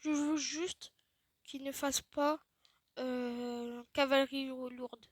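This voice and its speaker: Woman, high-pitched, casual let's play host; chatty, self-mocking, mutters asides; close dry mic. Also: steady tone, slow pace, no echo. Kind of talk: casual gaming commentary.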